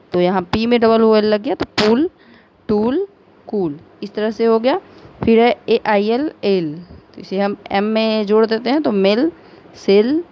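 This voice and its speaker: A woman teacher with an Indian accent giving a recorded lesson, patiently spelling out words letter by letter and mixing Hindi with English. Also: medium pitch. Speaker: school teacher. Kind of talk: recorded online class lesson. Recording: slightly dull lo-fi audio with faint noise.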